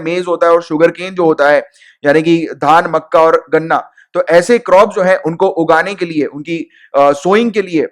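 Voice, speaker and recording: Chatty male exam-prep teacher, slightly high voice. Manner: chatty, repeats key points, checks in with "right?" and "okay?"; mixes English terms into Hindi. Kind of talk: casual Hindi exam-prep lecture.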